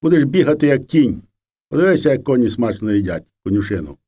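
A man's voice: mid-range voice, big pitch swings, fast talker, mellow. A man doing a sly, coaxing peasant joker. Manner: coaxing, teasing. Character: good-humored peasant mowing hand, playful joker.

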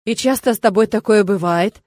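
Сухой деловитый маг-лекарь в исполнении чтицы, звук сухой без эха. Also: female voice, medium pitch, brisk, a little mellow, no echo, close to an everyday voice. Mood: skeptical, dry. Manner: skeptical, matter-of-fact. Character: clever male healer mage, skeptical, dry.

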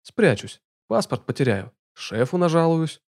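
A man voicing a relaxed young male inspector who answers teasing with dry, drawling humor. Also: on the high side, unhurried, voice pushed up. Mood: wry. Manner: drawling, wry.

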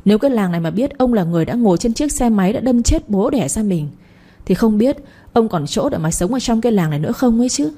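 A woman's voice: a little high, lively intonation, mellow. A woman voicing a sly, spiteful young village thief who taunts his accuser. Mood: defiant. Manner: taunting, fast and scornful.

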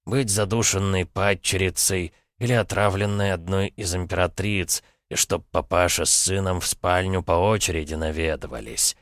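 A man's voice: deep voice, steady tone, normal speed, hardly any pauses, no room sound, studio quality, close to an everyday voice. A man voicing a sardonic male spirit who mocks his friend, in an audiobook. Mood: mocking. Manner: sarcastic, drawling.

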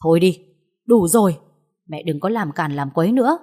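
A woman's voice: low-pitched, moderate pace, mellow. A woman voicing an earnest grown son who pleads with and then scolds his mother, in a storybook reading. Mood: scolding.

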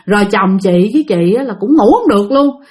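Lively woman storyteller. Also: medium pitch, fairly quick. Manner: animated, talks straight to listeners. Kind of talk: storytelling a spooky real-life tale.

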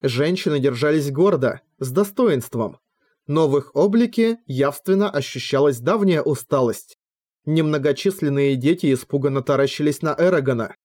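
A man's voice: fairly high pitch, lively intonation, normal speed, darkish tone. Man reading a fantasy novel aloud. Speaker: audiobook narrator. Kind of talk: scripted fantasy novel narration.

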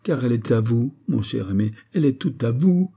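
Male reader doing a frail young wife, raised pitch, dark tone, begging and tearful. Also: expressive, moderate pace, slightly rough. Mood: pleading. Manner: pleading, tearful. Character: fragile pale young wife, pleading and tearful. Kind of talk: audiobook character reading.

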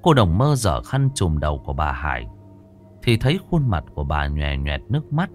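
A man narrating a ghost story in a slow, somber, dramatic reading. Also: a bass voice, sing-song, darkish tone, faint music behind.

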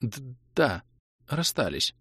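A man's voice: a little high, huge pitch swings, a little slow, dry recording, clean studio sound, pitched above the performer's own voice, full character voice. A man voicing a hesitant, stammering ex-wife in an audiobook. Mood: flustered cold. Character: ex-wife, woman, flustered then cold. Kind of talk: audiobook character voice.

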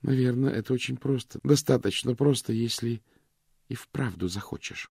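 A man's voice: medium pitch, moderate pace, gravelly, darkish tone, husky, no echo, pitched above the performer's own voice. A male reader voicing a desperate young woman who pleads breathlessly in a dry, close recording. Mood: resigned.

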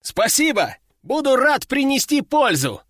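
A man's voice: fairly high pitch, sing-song, normal speed, no room sound, studio quality. A man doing a chirpy eager young recruit. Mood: gleeful. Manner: bright, chirpy exclamations. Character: cheerful eager young male recruit, cheeky.

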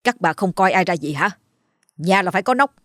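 A woman voicing a gruff middle-aged male village official who barks orders at his wives. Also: lowish voice, animated, a little fast, a bit bright, dry recording, studio quality. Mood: angry. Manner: barking, commanding.

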